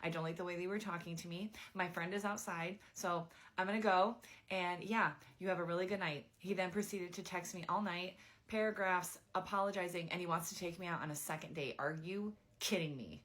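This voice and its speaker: A young woman casually telling a dating story, chatty and animated, with lots of filler words. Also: on the low side, a little fast, few pauses.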